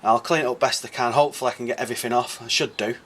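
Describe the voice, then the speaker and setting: Croaky-voiced man explaining a car job. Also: mid-range voice, fairly even intonation, very fast, a bit bright. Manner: easygoing, thinking aloud with many uhs and ums. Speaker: car modding vlogger. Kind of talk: casual how-to explanation.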